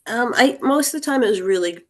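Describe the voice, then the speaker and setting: A woman's voice: a little high, lively intonation, fast talker. Thoughtful woman in her sixties. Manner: thoughtful, meandering with restarts and small laughs. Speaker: interview guest. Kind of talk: casual interview talk.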